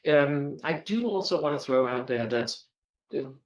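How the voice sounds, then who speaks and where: A man's voice: mid-range voice, expressive. Thoughtful winemaker man. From Denmark. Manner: measured, thoughtful, pauses to find words. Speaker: winemaker guest. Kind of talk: casual wine-tasting chat. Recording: dull lo-fi recording.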